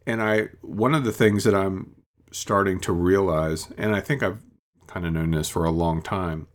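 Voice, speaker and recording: A man's voice: low voice, normal speed. A man talking casually and reflectively in a solo monologue about spiritual ideas, rambling with many ums and small asides.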